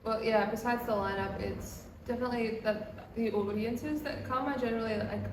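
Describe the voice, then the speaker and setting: A young Australian woman in her twenties, a comedian who also produces comedy nights, chats casually in an interview, loose and relaxed with lots of "um" and "like." She speaks at a normal speed in a fairly high voice. The mic is far away in an echoey room with background noise.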